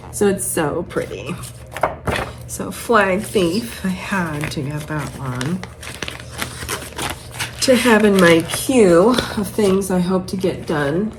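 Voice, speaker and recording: In a fairly low, slightly mellow voice, a cross-stitch vlogger chats to camera about her patterns, gushing and thinking out loud as she goes. There's clear room noise around her.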